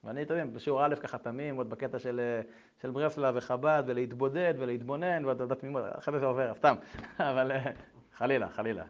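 A middle-aged man giving a lively Torah lesson, moving between reading old texts aloud and telling personal stories. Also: medium pitch. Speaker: Torah lecturer. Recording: dull lo-fi recording.

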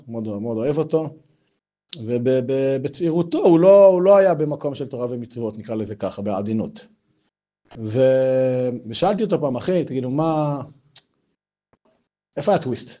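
Guy in his 30s, casual torah talk, lots of stories, gets loud and animated at times. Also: medium pitch, highs cut off. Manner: animated storytelling, voice swells when excited. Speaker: religious lecturer.

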